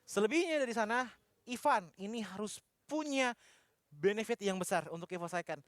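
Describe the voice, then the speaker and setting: A man's voice: sits high, animated, moderate pace, no echo, studio quality. A man with an Indonesian accent giving fluent, detailed esports commentary and explaining the state of play. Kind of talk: game commentary and analysis.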